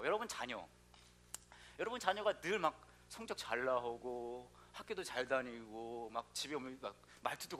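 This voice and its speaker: A man's voice: fairly high pitch, sharp tone, a little hiss or hum. A young adult man preaching a sermon as pastor, a joking storyteller who acts out quoted voices.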